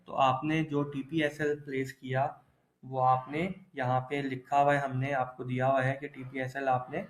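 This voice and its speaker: A man teaching crypto trading step by step in a screen-recorded tutorial, explaining patiently and often checking in with "theek hai". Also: medium pitch. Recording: roomy echo.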